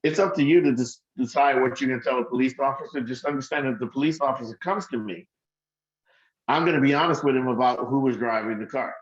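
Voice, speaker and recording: A man's voice: mid-range voice, fast, highs cut off. A man telling a personal story in an earnest way, as a speaker on an online call. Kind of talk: storytelling talk.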